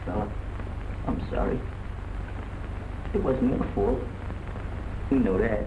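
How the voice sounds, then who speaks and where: Slow, remorseful jockey, echoey. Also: male voice, fairly low pitch. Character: remorseful jockey, tender and self-blaming. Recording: echoey, tinny, noisy 1940 film soundtrack.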